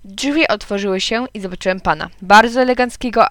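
A woman reading a children's storybook aloud in a lively way, narrating as a small boy. Her voice is smooth and resonant, and the recording is dry and close, with no room sound. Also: medium pitch, fairly quick, no echo. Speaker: audiobook reader. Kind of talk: children's audiobook narration, told as a young boy.

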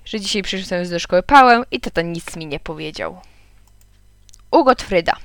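Kobieta czytająca bajkę dla dzieci. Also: female voice, mid-range voice, fairly bright tone, dry recording, studio quality. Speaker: audiobook reader. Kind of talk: children's audiobook narration, told as a young boy.

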